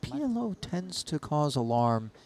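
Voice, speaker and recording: A man's voice: a little high, big pitch swings, unhurried, a little mellow. A man giving play-by-play poker commentary with wordy, ornate phrasing.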